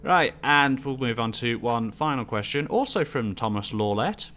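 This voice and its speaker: Hosting a casual question-and-answer chat, a man speaks at normal speed in a medium-pitched voice that sounds animated, pushed and bright. Music plays behind him, along with slight background noise.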